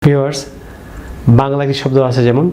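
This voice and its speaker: A man's voice: medium pitch, level tone, brisk, mellow, highs cut off, a little hiss or hum. Man teaching English vocabulary. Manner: spells words out letter by letter, repeats drills. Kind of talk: vocabulary lesson.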